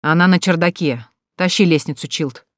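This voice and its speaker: A woman's voice: lowish voice, moderate pace, no echo, studio quality, natural voice. A woman voicing menacing male bandits. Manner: threatening, leering.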